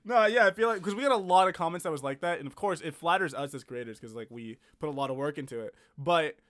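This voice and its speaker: A young man co-hosting a livestream, casual and laid-back, with lots of fillers and loud laughs. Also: a little high, fast talker, no echo, clean studio sound. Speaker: stream co-host. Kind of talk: casual chat.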